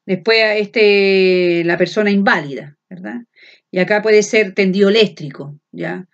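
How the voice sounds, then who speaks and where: Chilean woman teacher lecturing loudly without shouting, full of filler sounds and quick checks, on a dull lo-fi recording. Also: medium pitch, expressive. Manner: speaks loud without shouting. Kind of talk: classroom lecture.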